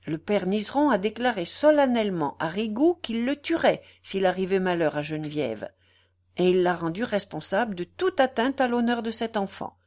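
A woman reading aloud, voicing a grown male village priest who speaks earnestly and gravely. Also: mid-range voice, expressive, moderate pace, darkish tone, natural voice.

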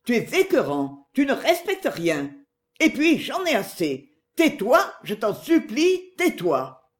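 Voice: mid-range voice, wildly swooping pitch, slow pace, pitched above the performer's own voice. A narrator voicing a fifty-four-year-old woman who snaps back at her brother impatiently. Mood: exasperated. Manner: sharp, impatient retorts.

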